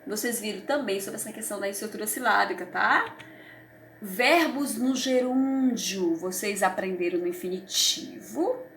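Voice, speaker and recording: A woman's voice: mid-range voice, normal speed, a bit bright, slight background noise. A woman teacher with a Brazilian Portuguese accent, reviewing a lesson for young children in a patient, encouraging way that often checks they follow. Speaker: primary school teacher.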